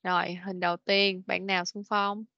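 A woman speaks in a mid-range, level voice that is creaky, bright, and forceful, on a dry recording. She teaches children English online, patiently correcting pronunciation, repeating words slowly, and frequently saying "rồi, ok," in a dull, lo-fi video call meeting recording.

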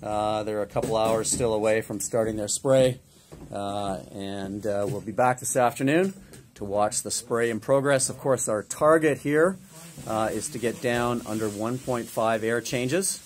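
Man, fifties, lowish voice, builder walkthrough, easygoing, lots of uh, handheld camera, faint background noise. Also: unhurried. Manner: easygoing, many "uh" fillers. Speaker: home builder. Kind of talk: on-site walkthrough vlog. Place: outdoors at a construction site, then inside a house under renovation. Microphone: handheld camera at arm's length.

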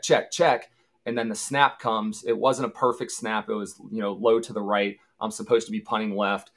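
Low-voiced man telling game stories. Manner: easygoing, anecdotal, acts out quoted shouts. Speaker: guest, former college football punter. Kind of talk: casual interview storytelling.

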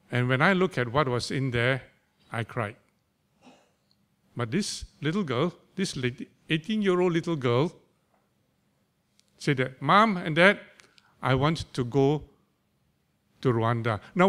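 A man's voice: medium pitch, fairly bright tone. Older man introducing a church speaker, joking, stand mic in church hall. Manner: teasing, uses local slang. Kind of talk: informal introduction.

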